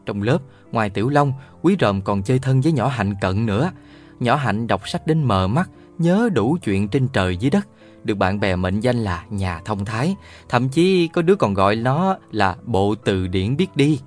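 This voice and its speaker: Lively male storyteller reading a novel. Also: lowish voice, normal speed, faint music behind. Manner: lively storytelling, voices all the characters. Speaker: audiobook narrator. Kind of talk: scripted narration of a children's novel.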